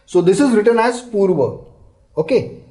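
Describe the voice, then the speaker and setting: A man's voice: high-pitched, lively intonation, moderate pace, dark tone, low-quality recording. A man teaching a Hindi lesson, explaining patiently and repeating words syllable by syllable. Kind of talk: language lesson.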